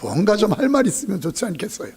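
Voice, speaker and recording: A man's voice: sits high, quick pace, background noise. A male pastor preaching a sermon in a joking, emphatic way, often acting out what people say. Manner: lively, joking, emphatic preaching with acted-out quotes.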